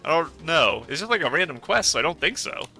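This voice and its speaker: A man's voice: fairly high pitch, big pitch swings, brisk, gravelly, pushed and bright, faint music behind. A man hosting a let's play, chatting casually and rambling about the game. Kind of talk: casual gameplay commentary.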